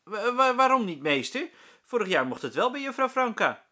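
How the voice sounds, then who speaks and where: A man voicing a cheeky young schoolboy in a children's story, with a high, eager voice. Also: very animated, normal speed, sharp tone, full character voice.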